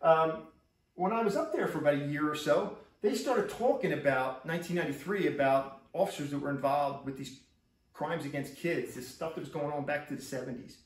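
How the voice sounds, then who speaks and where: Fast-talking middle-aged man, echoey room. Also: a little high. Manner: rambling, repeats himself, restarts sentences. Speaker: police officer. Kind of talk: casual first-person account. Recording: echoey room, far from mic.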